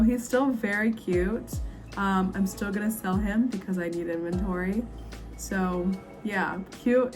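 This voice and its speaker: A woman's voice: mid-range voice, a little mellow. A young woman chatting casually in a vlog, self-doubting and full of ums, her voice a little worn. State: slightly losing her voice. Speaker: crochet vlogger.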